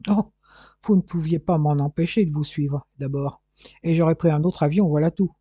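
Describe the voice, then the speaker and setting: A man's voice: on the high side, normal speed, mellow, breathy edge, no room sound, highs cut off. A man voicing a touchy, indignant French police inspector in an audiobook. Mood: defensive.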